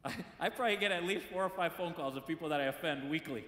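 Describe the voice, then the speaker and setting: A man's voice: on the high side, quick pace, fairly bright tone. A man preaching a conversational sermon in a church, acting out the complaints he quotes. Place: church sanctuary. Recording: echoey church hall with long reverb.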